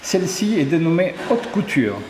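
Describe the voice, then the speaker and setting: His voice fairly high and swinging widely in pitch, the sculptor from southern Ardèche, France describes his artworks at a normal speed, listing details with small hesitations. The interview takes place in an echoey tourist office exhibition hall, with background noise and faint ambience.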